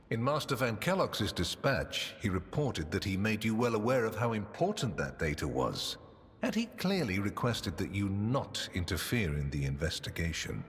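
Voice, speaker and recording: Cold, pious, accusing inquisitor, cavernous reverb. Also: male voice, lowish voice. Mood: stern, probing. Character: cold, pious, accusing Lord Inquisitor, suave male interrogator. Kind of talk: video game voice acting. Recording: long reverb, music behind.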